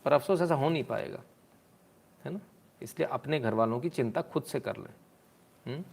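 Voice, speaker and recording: A man's voice: medium pitch, normal speed, creaky. A man hosting a live stream, commenting sarcastically on video clips and answering viewers' comments in a mocking, scolding way.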